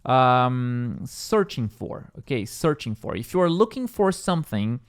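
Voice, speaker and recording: A man's voice: mid-range voice, very animated, a little slow. A man with a Brazilian Portuguese accent teaching English vocabulary, repeating words and checking in with the listener. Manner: repetitive, checks in with "okay?" and "right?". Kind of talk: explaining vocabulary step by step.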